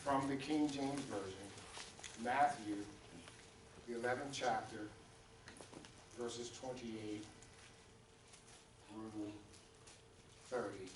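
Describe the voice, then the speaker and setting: A man's voice: medium pitch, very slow, pauses often. Preaching man in an echoey sanctuary. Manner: call-and-response preaching, addressing congregants by name. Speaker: pastor. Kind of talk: sermon. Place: church sanctuary. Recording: roomy echo, distant mic, faint hum.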